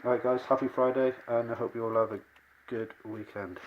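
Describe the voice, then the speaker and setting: A man's voice: medium pitch, fairly even intonation, a little fast. A man chats casually as he explains his cleaning work, his voice muffled by a dust mask over his mouth. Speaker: rug cleaner presenting his own work. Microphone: speaking through a dust mask. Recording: clear background noise.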